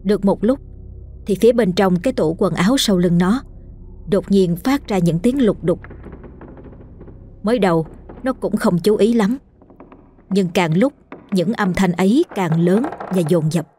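A woman narrating a scripted ghost story in a steady, measured storytelling manner. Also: mid-range voice, slight background noise.

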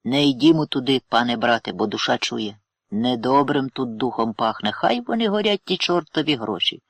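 A man's voice: mid-range voice, lively intonation, normal speed, gravelly, fairly bright tone, husky, no room sound, heavily acted. A man voicing a frightened, superstitious young man pleading anxiously to turn back. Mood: fearful.

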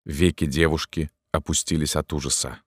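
A man narrating an audiobook in a measured, even storytelling manner. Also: rumbling low, dry recording, clean studio sound.

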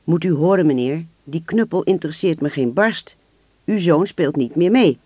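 Guy doing a blunt grumpy coach, higher and louder than his narrating, dry close sound. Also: moderate pace, slightly rough, no echo. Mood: curt. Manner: curt, dismissive, blunt. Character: gruff irritated male store manager and coach.

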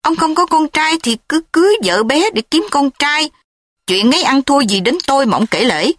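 A woman voicing a furious, defiant young mother who speaks in a sharp, raised, indignant way in an audiobook drama. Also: mid-range voice, sing-song, fairly quick, slightly rough, dry recording, studio quality. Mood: angry.

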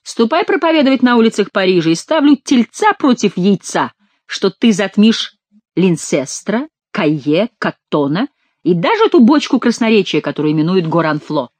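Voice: medium pitch, very animated, normal speed, no echo. A narrator voicing a sly, mocking male jester in an audiobook. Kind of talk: audiobook character reading.

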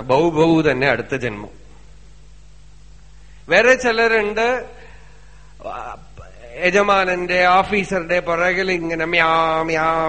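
Spiritual teacher, male, Malayali accent, high voice, storytelling with rhetorical questions, slow chanted verses. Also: pushed and bright, in a large hall. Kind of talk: religious discourse.

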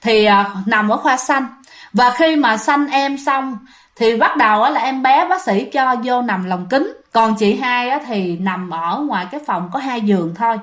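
In a fairly high, bright voice with lively intonation, a woman tells a ghost story at a slightly slow pace. She keeps it casual and chatty, speaking straight to her listeners.

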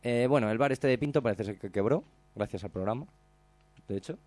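Animated man on a dry studio mic. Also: medium pitch, a little fast, no echo. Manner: animated storyteller, swears freely, acts out quotes loudly. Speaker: radio show host. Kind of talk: casual radio chat, retelling a TV show. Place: radio studio.

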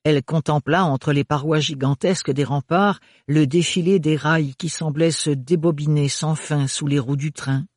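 A male narrator reads a novel in a steady, measured way. His voice sits slightly high for a man and is recorded dry and close, with no room sound. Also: dry recording. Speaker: audiobook narrator. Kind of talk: scripted narration.

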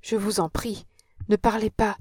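A woman's voice: medium pitch, measured pace, warm tone, no room sound, studio quality, natural voice. A woman reading an audiobook and voicing an anxious young male painter in a pleading, alarmed manner.

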